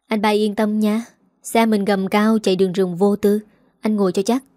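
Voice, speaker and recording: A woman's voice: medium pitch, little pitch movement, normal speed, warm tone, dry recording, studio quality, lightly acted. Storybook: woman reading as a curt, tough woman in her fifties, firm. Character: tough fifty-something woman, martial artist.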